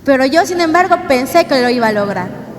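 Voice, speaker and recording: Woman preacher, high voice, earnest and conversational, church hall reverb. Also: animated, fairly quick. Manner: earnest, conversational, asks the congregation questions. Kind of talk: sermon testimony. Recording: church hall reverb, faint ambient noise.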